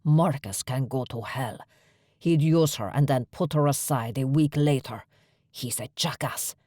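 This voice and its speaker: A woman's voice: extremely low pitch, normal speed, darkish tone, no echo, clean studio sound. A woman voicing a possessive, protective male vampire who speaks firmly and with heat, in an audiobook.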